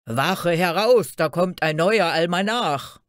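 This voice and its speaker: A woman voicing a group of harsh old male guards who bark loudly and mock. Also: mid-range voice, slow pace, dry recording, clean studio sound, pitched above the performer's own voice, lightly acted. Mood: scornful shouting. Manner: loud, harsh and mocking. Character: gruff shouting old male gate guards.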